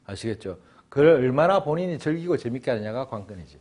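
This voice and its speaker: A man teaching Chinese in a joking, animated lecture style. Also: medium pitch, fast talker. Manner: animated, joking, acts out little scenes. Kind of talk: lively classroom lecture.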